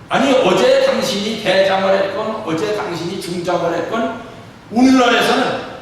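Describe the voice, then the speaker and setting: A man in his sixties delivers an animated sermon, pitched high for a man. He stands away from the mic, so his voice rings through a large, echoing church hall. Faint noise hums underneath. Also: distant mic. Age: 60s. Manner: animated preaching with rhetorical questions. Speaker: church leader.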